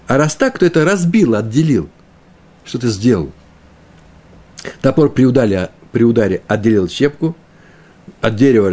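A man teaches a Talmud lesson, explaining the text aloud in a medium-pitched, slightly mellow voice. He often repeats himself and slows down whenever he reaches Hebrew terms.

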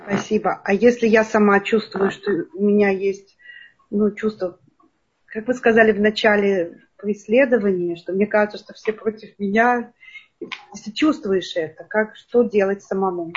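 Husky woman moderating a video call. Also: mid-range voice, steady tone, moderate pace, muffled recording. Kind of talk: reading out questions in an online lecture.

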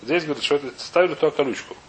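A man leading an informal religious text class, reading aloud and then explaining, often halting to search for words and asking himself questions. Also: on the high side. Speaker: teacher of a Talmud class. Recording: clear background hiss and noise.

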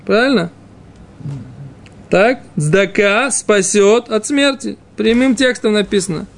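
High-pitched man teaching a religious text. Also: takes it slowly, creaky. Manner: explains in fragments, often adds checking questions. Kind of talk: informal Talmud lesson, reading and explaining.

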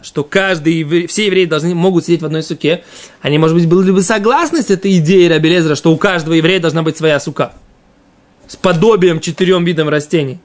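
A man giving an informal religious text lesson as a teacher, explaining by asking and answering his own questions. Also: high voice. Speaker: Talmud teacher.

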